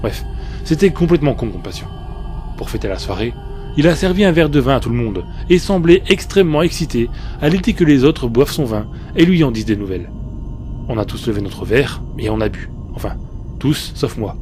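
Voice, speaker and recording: A man narrates a scripted horror tale in the first person. His voice is dark and mellow, set at an ordinary male pitch. Faint music plays underneath. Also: expressive, fairly quick. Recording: faint music bed behind the voice. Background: soft background music.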